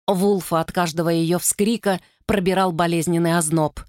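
An audiobook narrator, a woman with a fairly low voice, reads a novel aloud in a steady, dramatic manner at normal speed. The scripted narration is studio-quality with no room sound.

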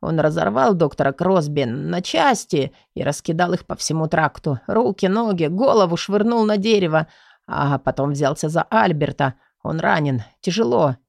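A woman voicing a panicked, stubborn grey-haired male investigator who shouts and mutters frantically. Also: on the high side, expressive, normal speed, vocal fry, no room sound, clean studio sound. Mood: shaken.

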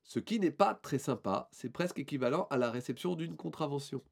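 A man talking on a casual podcast, his voice sitting a little higher than most men's. He rambles through a band presentation, hesitating, restarting and filling gaps with "euh". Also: lively intonation, brisk, vocal fry.

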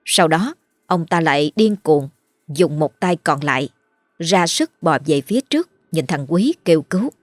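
A woman's voice: low voice, lively intonation, moderate pace, dry recording. A woman storyteller giving a dramatic, scripted horror narration. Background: faint music.

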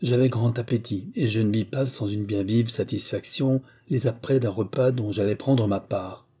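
A man narrating memoirs as an audiobook, in a measured storytelling delivery. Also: lowish voice, dark tone, slightly rough.

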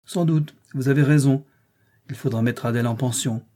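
A man reading an audiobook, voicing a brusque, teasing wealthy gentleman employer. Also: mid-range voice, normal speed, lightly acted.

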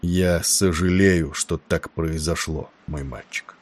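A man reading the part of a stern, ailing older ship captain, gruff and commanding. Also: low-pitched, normal speed, darkish tone, slight background noise, close to an everyday voice.

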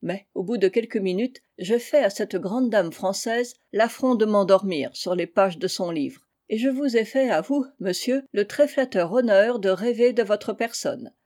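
A cheerful young fiancée teases her solemn suitor in an audiobook reading, voiced by a woman narrator. Her lines come out light and playful. The voice stays mellow and soft. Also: mid-range voice, lively intonation, measured pace, few pauses, close to an everyday voice. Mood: teasing.

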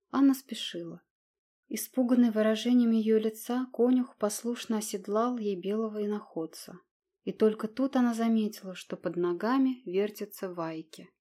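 A woman reads a historical novel aloud with expressive, measured narration. Her voice sits in a middle register for a woman, steady and clear in its storytelling. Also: mid-range voice. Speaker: audiobook narrator. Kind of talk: dramatic audiobook narration.

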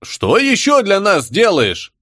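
A man's voice: high-pitched, wildly swooping pitch, slow, fairly bright tone, no echo, clean studio sound, voice pushed up, heavily acted. A man voicing a rowdy, crude crowd of male savages, jeering and bickering.

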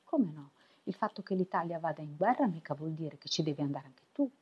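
A woman voicing a bossy, sharp-tongued teenage girl in a snappy, scolding manner, for a storybook reading. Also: low-pitched, lively intonation, brisk, breathy edge, exaggerated voice. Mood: tender. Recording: lo-fi web radio audio.

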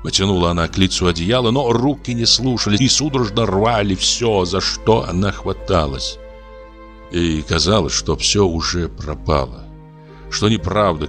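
A man narrating a literary story in a measured, expressive reading. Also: low voice. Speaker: audiobook narrator.

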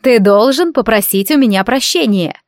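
A woman's voice: fairly high pitch, expressive, moderate pace, no room sound, studio quality, natural voice. A woman doing an imperious sorceress mother. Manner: curt and imperious. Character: proud, sharp-tongued mother, a woman sorceress.

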